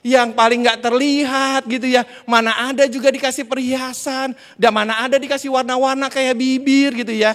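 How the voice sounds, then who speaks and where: A male preacher giving a sermon, telling a lively story and talking directly to the congregation. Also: extremely high pitch, normal speed, hardly any pauses. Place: church hall. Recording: reverberant church hall.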